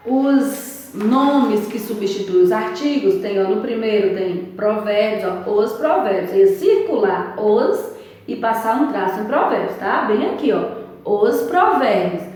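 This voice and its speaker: A woman with a Brazilian Portuguese accent, teaching a primary school lesson, slow and emphatic, stretching key words. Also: medium pitch, darkish tone. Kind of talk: remote lesson walkthrough. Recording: echoey room, voice far from mic.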